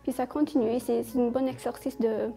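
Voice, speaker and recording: A young woman from Canada, answering interview questions in a slow, hesitant way with many fillers. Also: fairly high pitch, steady tone, creaky, dark tone, faint music behind.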